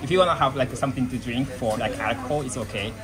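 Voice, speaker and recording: A woman's voice: very deep voice, fast talker. A woman hosting a casual dinner interview with visitors, chatty and laughing often as she asks many questions. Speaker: host. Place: busy Tokyo street and restaurant. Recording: noisy crowded restaurant recording. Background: restaurant crowd and music.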